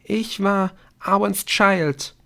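A man reading an audiobook, voicing a frightened teenage girl who pleads in a high, shaky voice. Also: takes it slowly, vocal fry, a bit bright, exaggerated voice. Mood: subdued.

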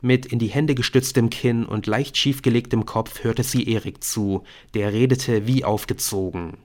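A man reading a novel aloud in steady, scripted narration. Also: medium pitch, moderate pace. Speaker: audiobook narrator.

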